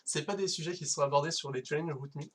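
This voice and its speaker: Talking fast in a slightly high voice, this conference speaker gives a laid-back live-streamed technical talk. He hesitates, restarts often, uses plenty of fillers, and pokes fun at himself.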